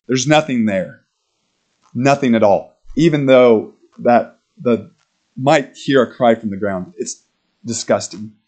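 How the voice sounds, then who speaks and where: A male pastor preaching a sermon in a conversational, animated way, acting out quoted lines and laughing between points. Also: mid-range voice, slow. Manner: animated, acts out quotes in character voices.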